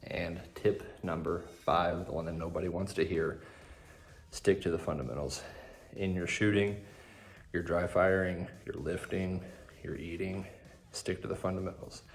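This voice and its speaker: A man's voice: deep voice, steady tone, normal speed. A man talking to camera in his home garage gym, giving fitness and training tips with joking asides, a little out of breath. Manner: joking, self-deprecating asides. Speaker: fitness content creator. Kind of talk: casual vlog tips to camera.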